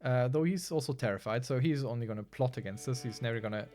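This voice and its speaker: A man's voice: medium pitch, fast, mellow, soft background music. A man casually commenting as he plays a strategy game, chatty and wry, answering his chat as he goes. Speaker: streamer playing a strategy game.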